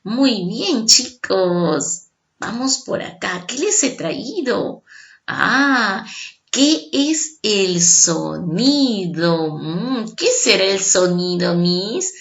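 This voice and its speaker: Female teacher, mid pitch, gravelly texture, expressive classroom delivery aimed at kids. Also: very slow, highs cut off. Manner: expressive, keeps asking the class to confirm. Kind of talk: classroom lesson for children.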